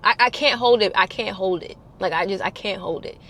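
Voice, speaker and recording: A young woman telling a casual storytime, acting out quotes in a higher voice. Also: fairly quick, bright, forceful tone. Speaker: storytime vlogger.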